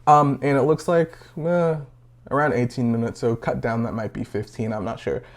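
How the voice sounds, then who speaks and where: A man's voice: medium pitch, fairly even intonation, normal speed. A nineteen-year-old man casually reviewing a pocket knife, rambling with lots of fillers and a little out of breath. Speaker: gear reviewer.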